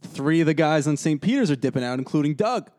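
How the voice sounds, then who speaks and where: A man's voice: on the high side, expressive, quick pace, a little mellow. A young man co-hosting a podcast, talking sports in a laid-back way with casual slang and repeated words. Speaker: podcast co-host.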